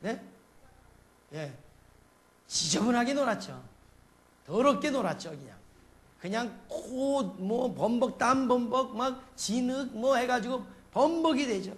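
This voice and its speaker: A man's voice: very high voice, expressive, slow, pauses often, a bit bright. A male pastor from South Korea preaching a sermon, telling a homely story and peppering the congregation with rhetorical questions.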